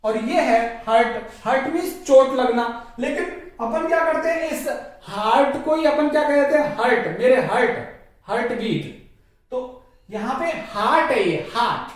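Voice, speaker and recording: A man's voice: very high voice, measured pace. A man teaching pronunciation, spelling words letter by letter, repeating them as a drill and contrasting wrong and right forms. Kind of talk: explanatory pronunciation lesson. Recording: very echoey room, distant mic.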